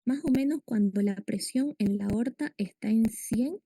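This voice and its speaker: A woman teaching a medical class, explaining step by step and putting questions to her students. Her voice sits a little high, with a gravelly edge and a mellow, dark tone. The sound is dry and close. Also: measured pace, dry recording. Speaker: lecturer. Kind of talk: medical lecture.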